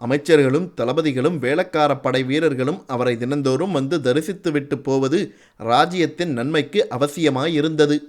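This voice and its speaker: Male narrator reading a literary story. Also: on the high side. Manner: measured, formal storytelling. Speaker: audiobook narrator.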